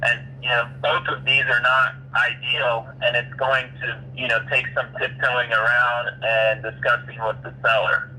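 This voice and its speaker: A man's voice: medium pitch, level tone, a little slow, few pauses, pushed and bright, slight background noise, poor audio. A man talking business in a phone conversation as a real estate agent, often restarting his phrases as he explains things.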